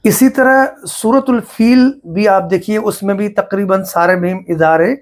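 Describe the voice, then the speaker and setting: Man, middle-aged, recitation tutor: very slow, methodical explaining delivery over faint music. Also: sits high. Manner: slow, deliberate, explaining step by step. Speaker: Quran recitation teacher. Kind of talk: religious lesson on recitation rules.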